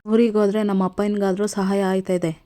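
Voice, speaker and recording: Woman as resigned young daughter-in-law, quiet, flat read. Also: mid-range voice, quick pace, natural voice. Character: heartbroken young daughter-in-law leaving home.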